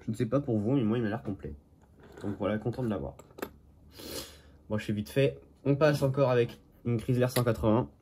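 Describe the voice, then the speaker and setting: This Normandy toy car collector talks fairly quickly in a mid-range, mellow voice, broken by long pauses, as he casually presents what he picked up at a flea market. He often corrects himself and adds jokey asides, and slight background noise is present.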